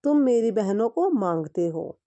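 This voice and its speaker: A woman voicing a touchy male emperor who is quick to take offense, in a storytelling lesson. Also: mid-range voice, big pitch swings, warm tone. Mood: indignant. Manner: indignant, then backpedaling.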